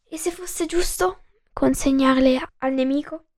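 A woman's voice: high-pitched, unhurried, darkish tone. A woman voicing a young handmaid who whispers her doubts in a storybook myth. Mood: doubtful. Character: anxious young female handmaid.

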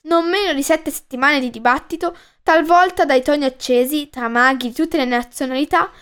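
High-voiced woman reading a book aloud. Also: normal speed, fairly bright tone. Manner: playful, with light asides. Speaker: podcast host reading a book.

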